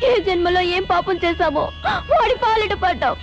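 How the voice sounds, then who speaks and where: An actress playing a distressed wife who pleads and complains plaintively. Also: female voice, extremely high pitch, moderate pace. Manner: imploring and plaintive. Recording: muffled film soundtrack with loud music.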